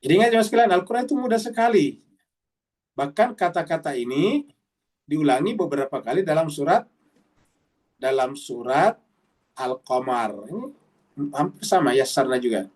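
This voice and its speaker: A man teaching a Quran study session, explaining slowly with frequent checks and drawn-out recited Arabic phrases. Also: a little high, darkish tone. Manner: points to the text while teaching. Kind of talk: mosque study sermon. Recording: voice a bit far from the mic.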